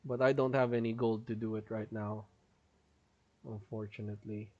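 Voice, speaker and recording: A man streams live gameplay, explaining his build and laughing often as he holds in a cough, his voice strained. His lowish voice is flat and a little mellow at a moderate pace, and the audio's highs are cut off.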